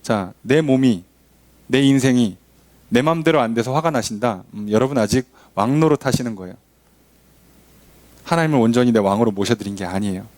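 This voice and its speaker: A man's voice: medium pitch, brisk, long pauses, darkish tone, no echo. A male pastor preaching a sermon, asking the congregation rhetorical questions. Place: church.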